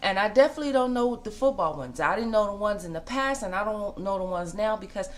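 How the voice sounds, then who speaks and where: A woman's voice: mid-range voice, expressive, fast talker. An American woman of forty giving casual gossip commentary in a blunt, conversational way, repeating points for emphasis.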